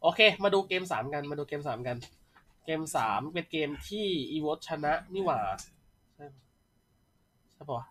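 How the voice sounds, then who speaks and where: A man's voice: on the high side, animated, unhurried, pauses often, slight background noise. A young man hosting a casual post-match chat about an esports game, bantering rowdily with crude words and laughing often. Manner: rowdy, profane banter with frequent laughter. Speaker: shoutcaster host.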